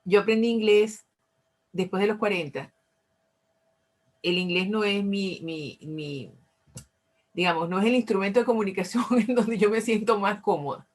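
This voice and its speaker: A woman's voice: medium pitch, moderate pace, long pauses. A Venezuelan woman in her fifties with a Venezuelan accent, speaking casually to an online recovery group and acting out bits of dialogue. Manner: conversational, acts out dialogue with frequent self-corrections. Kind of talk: informal talk sharing a personal story.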